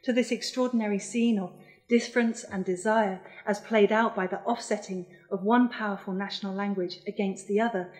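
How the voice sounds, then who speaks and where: A middle-aged woman giving a lecture, reading her own essay aloud in a measured, thoughtful, wry way. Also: mid-range voice, fairly even intonation, a little mellow, rough recording. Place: lecture hall.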